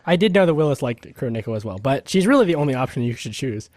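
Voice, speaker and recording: A man co-hosting a casual anime podcast, goofy and quick to laugh. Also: medium pitch, big pitch swings, darkish tone, no echo. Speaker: podcast co-host. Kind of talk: casual group chat.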